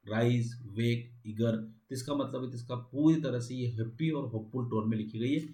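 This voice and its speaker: A male teacher giving an exam-prep lecture, reading English lines slowly and then explaining each in Hindi. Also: medium pitch, darkish tone, roomy sound, a little hiss or hum.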